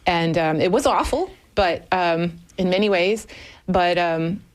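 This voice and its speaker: In a radio studio, an unhurried woman from Germany in her fifties chats as a talk show guest, her pitch fairly low. She comes across as candid and thoughtful, with frequent filler words.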